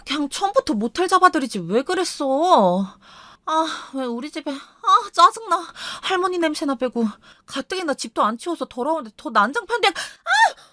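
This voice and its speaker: A woman's voice: sits high, very animated, moderate pace, a bit bright, dry recording, voice pushed up. A woman voicing a petulant, spoiled young wife who talks in a whiny way.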